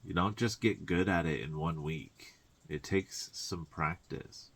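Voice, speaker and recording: A spiritual guide and tarot reader with a very deep, creaky, husky, slightly bright voice gives an informal, reflective coaching monologue. His phrasing halts along, peppered with colloquial asides.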